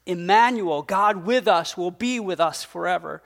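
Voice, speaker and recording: A man voicing Jesus as a humble, gentle young man speaking softly. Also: sits high, a little slow, creaky, full character voice. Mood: reassuring.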